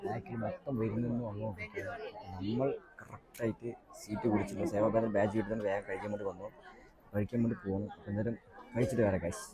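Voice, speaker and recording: A man's voice: lowish voice, flat delivery, quick pace. A young man with a Kerala accent giving casual vlog commentary in Malayalam mixed with English words, often repeating phrases to his viewers. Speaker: vlogger. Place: outdoors at a crowded temple festival. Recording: busy outdoor festival crowd behind.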